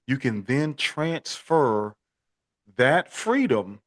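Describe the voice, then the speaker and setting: A man from Miami, Florida, appears as a podcast guest discussing equine therapy in casual interview talk. He's earnest and tends to repeat words as he begins a thought, with a mid-range voice, big pitch swings, and a very slow pace, captured in a dry studio-quality recording.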